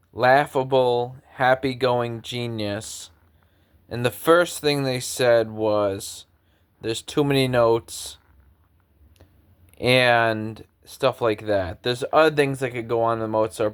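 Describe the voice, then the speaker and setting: A man's voice: mid-range voice, clean tone. A man in his thirties, a composer, giving an earnest, lecturing, grandiose spoken monologue. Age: 30s.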